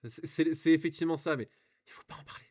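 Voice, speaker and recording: A man's voice: a little high, fast, darkish tone. A young man with a French accent, reading and commenting on reviews in casual, rambling chat full of fillers and restarts.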